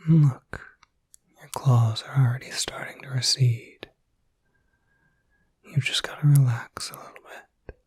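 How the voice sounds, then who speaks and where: A man speaks as a soothing werewolf caretaker in an ASMR piece, his breathy whisper held near the microphone and marked by little hesitations. Unhurried and gentle, he encourages the listener at a medium pitch with fairly even intonation, leaving long pauses, and the recording carries no room sound.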